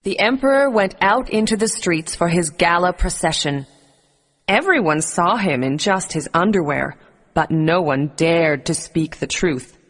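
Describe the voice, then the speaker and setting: Lower-pitched woman narrating a children's bedtime story. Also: expressive, unhurried.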